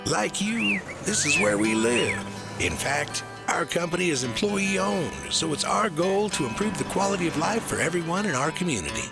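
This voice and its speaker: A man's voice: high-pitched, sing-song, normal speed, gravelly. A man reading a scripted commercial in a friendly, salesy delivery. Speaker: commercial announcer. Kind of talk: scripted ad read. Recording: voice-over on guitar music. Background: guitar music.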